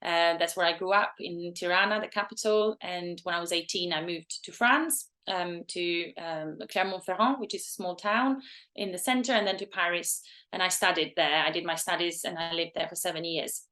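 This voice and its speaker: A woman's voice: lowish voice, normal speed, sharp tone. A woman in her forties from Albania, a photographer talking as an interview guest, thoughtful and hesitant with many ums. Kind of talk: interview conversation.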